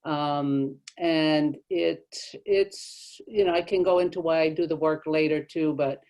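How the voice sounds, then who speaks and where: Middle-aged arts director from Mexico, warm, halting roundtable speaker. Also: female voice, low-pitched, steady tone. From born in Mexico, raised in Texas. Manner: warm, halting, with many restarts. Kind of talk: roundtable discussion.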